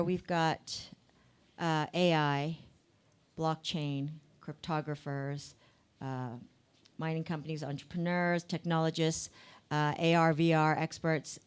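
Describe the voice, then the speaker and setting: A woman moderating a conference panel, speaking in a measured way. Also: deep voice, steady tone, clean tone.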